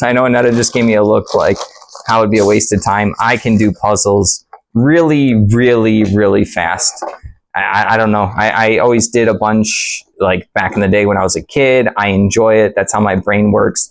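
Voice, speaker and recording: A man hosting a casual reseller vlog, talking in a rambling, colloquial, conversational way as he recaps sales. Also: lowish voice. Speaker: online reseller and channel host.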